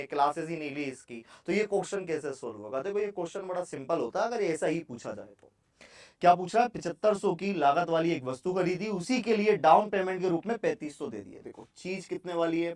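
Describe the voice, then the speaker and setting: A man's voice: high-pitched, distant mic. A man teaching a maths class for exam preparation. He works through sums step by step and asks and answers his own questions. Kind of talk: exam-prep maths lesson.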